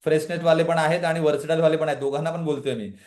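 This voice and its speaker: His voice is on the high side and racing, bouncing off an echoey room, as this trainer hosts a live online session on women's empowerment. He's energetic and motivational, quizzing listeners and frequently prompting them to respond in the chat.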